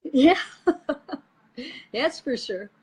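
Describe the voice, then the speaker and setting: Middle-aged woman guest on a video call, a bit high-pitched, chatty and animated. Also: very slow, low-quality recording. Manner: animated storyteller, laughs often. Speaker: guest sharing her story. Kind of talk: casual chat over a live video call.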